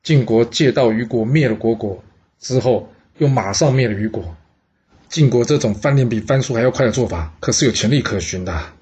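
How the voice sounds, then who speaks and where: A man's voice: mid-range voice, brisk, darkish tone, breathy edge. A man voicing an aging male envoy who reasons earnestly, step by step. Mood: persuasive. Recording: dull lo-fi audio.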